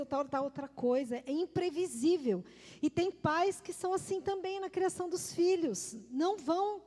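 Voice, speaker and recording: Preaching a sermon in a church hall full of long reverb, a middle-aged woman pastor with an extremely high, slightly mellow voice speaks emphatically, repeats important words, and calls on the congregation.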